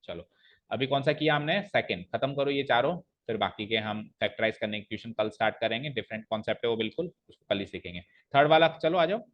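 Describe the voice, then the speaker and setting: A male maths teacher explains a problem step by step to his class, asks them questions and reads expressions aloud slowly, stressing the pauses. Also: mid-range voice, lo-fi sound.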